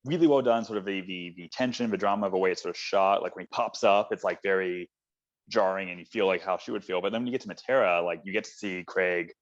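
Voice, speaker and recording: A low-voiced man talks fast as he co-hosts a casual podcast chat about films. He is enthusiastic, rambles and fills his speech with fillers, and the audio is dull and lo-fi.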